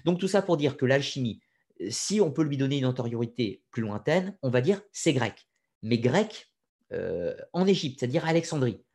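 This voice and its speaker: A man of middle pitch explains his subject in an unscripted lecture, pausing on fillers and restarting his sentences. He talks straight to his listeners and drops frank personal opinions along the way. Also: sing-song, darkish tone, breathy edge. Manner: addresses listeners directly, opinionated asides. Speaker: lecturer on occult history.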